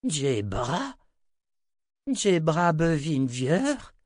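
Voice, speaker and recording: A man voicing an excitable, hot-tempered old wizard in an audiobook. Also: medium pitch, extremely slow, dry recording, studio quality, voice pushed up. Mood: agitated. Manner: agitated, exclaiming.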